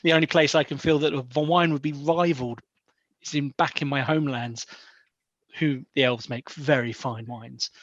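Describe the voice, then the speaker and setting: A man's voice: medium pitch, steady tone, normal speed, a bit bright, dry recording, lightly acted. A man playing a courteous, diplomatic elf in improvised tabletop role-play, speaking with polite, formal persuasion. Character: courteous, diplomatic male elf, smooth-talking negotiator. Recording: dull, lo-fi close audio.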